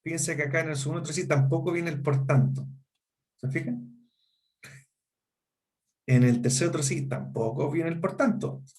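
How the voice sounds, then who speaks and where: A middle-aged man with a Chilean Spanish accent lectures a law seminar, explaining points and often asking rhetorical check-ins to see whether students follow. His voice is fairly high-pitched with a darkish tone; he speaks at normal speed and pauses often. Faint music plays behind him.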